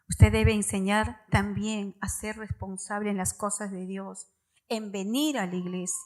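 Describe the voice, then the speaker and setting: A woman's voice: medium pitch, low-quality recording. Emphatic woman preaching to parents. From Peru. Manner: direct, emphatic address to parents, stressing key words. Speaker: church preacher. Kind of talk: sermon. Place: church service.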